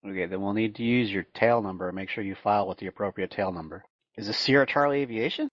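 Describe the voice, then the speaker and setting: A man's voice: lowish voice, quick pace, dry recording. A man working as an air traffic controller, giving clipped, procedural air traffic control instructions over the radio. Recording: muffled, band-limited radio audio.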